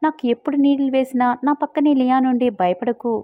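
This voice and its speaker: A woman's voice: sits high, flat delivery, fast, no echo. A woman retelling the plot of a romance drama in a storytelling voice, taking on the characters' lines as she goes. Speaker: drama recap narrator. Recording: dry, tinny phone-like sound.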